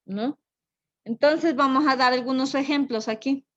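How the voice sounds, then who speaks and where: A woman teaching a math lesson, unhurried and thinking aloud, often checking in with a quick tag question. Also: a little high. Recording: dull lo-fi recording.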